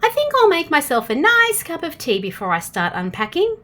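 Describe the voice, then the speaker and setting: A woman's voice: high-pitched, huge pitch swings, fairly quick, sharp tone, pitched above the performer's own voice, exaggerated voice. An Australian woman voicing a tidy, proper little storybook lady in a polite, slightly fussy manner. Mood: content, fussy.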